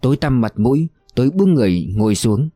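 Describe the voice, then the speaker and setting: A man narrating a war novel in a somber, steady reading voice. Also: medium pitch, fairly quick, dry recording, studio quality, faint music behind. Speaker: audiobook narrator.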